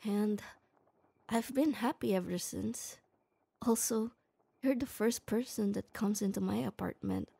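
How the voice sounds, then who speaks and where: Vocal fry and a breathy edge color this young woman's warm mid-range voice, and she speaks a little slowly. In an ASMR roleplay close to the mic, she addresses the listener as a shy, gruff-but-kind tomboy who hesitates and stammers.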